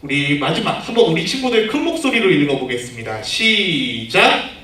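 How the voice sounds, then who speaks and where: A man's voice: on the high side, sing-song, quick pace, fairly bright tone. A man, a junior pastor, giving a children's sermon, asking the children questions and leading them in reading aloud. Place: church room. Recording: echoey room, far from the mic, faint noise.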